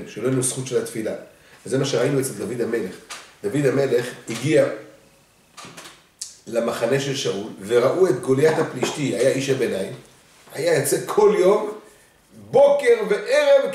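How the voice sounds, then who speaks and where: Brief: male rabbi, animated sermon storyteller, distant mic, very echoey study hall. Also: mid-range voice. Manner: animated storyteller, acts out voices.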